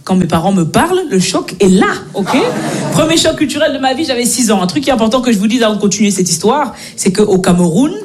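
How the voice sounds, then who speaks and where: Fast-talking young woman comic, live crowd. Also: a little high, lively intonation. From Belgium. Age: 20s. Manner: brisk storytelling, acts out her parents. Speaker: stand-up comedian. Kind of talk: stand-up routine. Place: comedy stage before a live audience. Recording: live show with crowd noise. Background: audience laughter.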